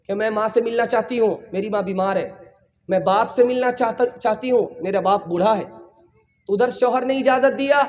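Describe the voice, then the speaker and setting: A man preaching a religious sermon at a public gathering, impassioned, repeating phrases and calling on the crowd to raise their hands. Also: extremely high pitch.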